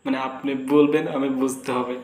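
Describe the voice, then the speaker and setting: A man playing a cheeky father in a comic sketch, twisting everything said to him with deadpan wordplay. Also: medium pitch, moderate pace, slight background noise. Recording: echoey room with faint ambience.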